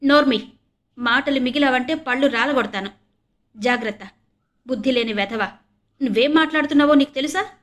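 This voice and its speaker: A hot-tempered young woman, read by a female narrator, lashes out with sharp, clipped words. Her voice rides high and forceful in this audio-novel scene. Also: fast talker. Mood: furious. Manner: sharp scolding, sobbing.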